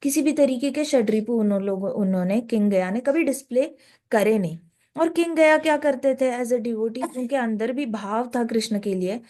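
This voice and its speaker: A woman speaker delivers a devotional scripture talk in a relaxed, conversational way. She often drops in English phrases between sentences. Her voice sits somewhat high for a woman. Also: normal speed.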